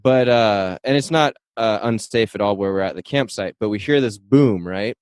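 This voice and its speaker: A man's voice: on the low side, normal speed, darkish tone, clean tone, no room sound. A man hosting a podcast in casual chat, telling stories in an easygoing, slangy way. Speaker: podcast host.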